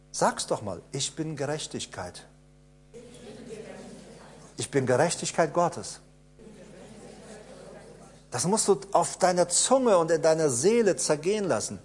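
A man preaching a sermon, emphatic and repetitive, asking rhetorical questions and swinging between hushed lines and loud bursts. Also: on the high side, big pitch swings, unhurried, pauses often.

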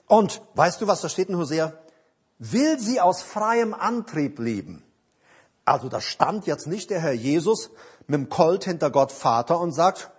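A male preacher giving an evening sermon, swinging from loud, emphatic bursts to hushed asides and acting out quotes in different voices. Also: on the high side, breathy edge.

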